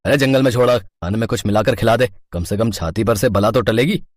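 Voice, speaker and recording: A woman voicing a harsh, scornful middle-aged uncle in a cartoon story, her voice pitched far down. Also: a little fast, darkish tone, dry recording, studio quality.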